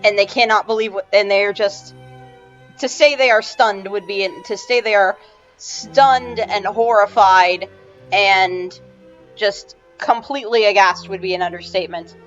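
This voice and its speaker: A woman's voice: medium pitch, a bit bright. Woman GM, rambling, stop-start delivery, dull lo-fi audio with faint music under it. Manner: rambling, halting, many restarts and fillers. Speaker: game master. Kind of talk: narrating a tabletop game.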